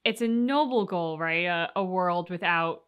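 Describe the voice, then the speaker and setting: A woman co-hosting a reaction channel talks casually and reflectively about a video game's story, explaining her thoughts at length. Her voice is on the low side, unhurried and clean, though the sound is lo-fi.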